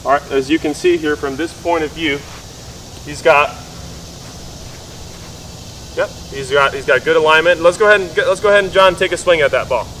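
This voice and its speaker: Higher-pitched man explaining, recorded at a distance. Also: brisk, pauses often, pushed and bright. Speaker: physical therapist and host. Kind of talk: explanatory instructional talk and interviewing. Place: mostly outdoors on a golf course. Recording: distant mic with faint background noise.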